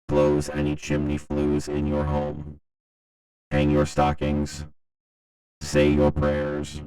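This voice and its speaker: A grave emergency broadcast announcer, with an extremely deep voice that barely moves in pitch. He reads his warning in a measured, official monotone, like a public safety alert. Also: smooth, low-quality recording.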